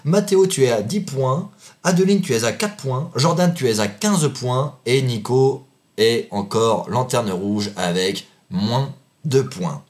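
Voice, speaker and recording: Un jeune homme qui anime un jeu entre amis en tant qu'arbitre, taquin et faussement sévère, riant souvent. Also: male voice, mid-range voice, expressive, a little slow, a little mellow. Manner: teasing, mock-stern, laughs often. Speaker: game host and referee. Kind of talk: joking quiz banter among friends.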